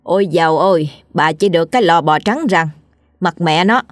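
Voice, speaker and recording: Scornful cruel older wife, dismissive, lowish voice, a woman acting, dry sound. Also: normal speed, no room sound, faint music behind, lightly acted.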